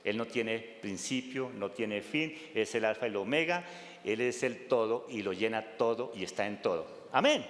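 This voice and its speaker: A man's voice: lowish voice, expressive, moderate pace, fairly bright tone. A male pastor preaching, often quizzing the congregation with call-and-response questions. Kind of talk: sermon. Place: church hall. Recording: long reverb of a church hall.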